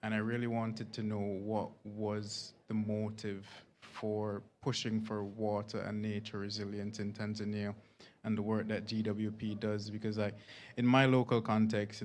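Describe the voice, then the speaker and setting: A man's voice: fairly low pitch, darkish tone. A man with a Kittitian accent from Saint Kitts and Nevis, moderating a formal panel discussion.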